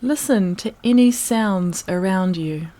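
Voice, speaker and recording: A woman with a mid-range voice guides a meditation, speaking calmly, gently and without hurry, with long pauses between phrases.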